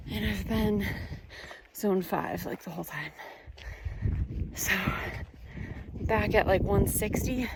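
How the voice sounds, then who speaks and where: A woman's voice: mid-range voice, background noise. A woman vlogging casually outdoors on a mountain trail, talking slightly breathlessly while hiking and running. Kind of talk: casual self-filmed vlog talk. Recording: music behind the voice.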